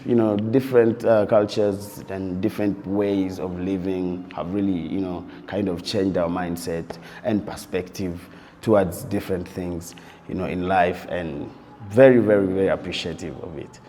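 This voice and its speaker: Long reverb and slight background noise surround a Ugandan DJ and producer as he's interviewed while touring abroad. Speaking in a low, mellow, steady voice at a moderate pace, he reflects on his story loosely and keeps leaning on "you know."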